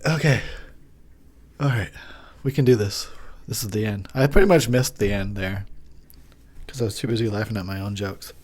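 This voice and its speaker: A man's voice: lowish voice, normal speed, pauses often, darkish tone, slightly rough. A drunk man hosting a podcast, rambling through profane movie commentary into a pop-filtered mic and laughing at his own jokes.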